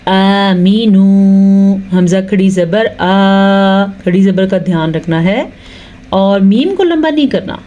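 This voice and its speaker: A woman's voice: mid-range voice, dull audio. Patient woman teaching Quran recitation. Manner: explains slowly, recites drawn-out examples, asks checking questions. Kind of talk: tajweed lesson with recitation.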